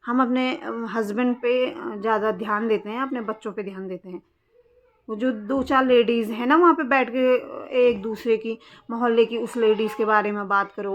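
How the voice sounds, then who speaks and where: A woman vlogger telling a personal story in a blunt, aggrieved way, in casual vlog talk. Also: on the high side. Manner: blunt, aggrieved recounting of a quarrel. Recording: dull lo-fi sound.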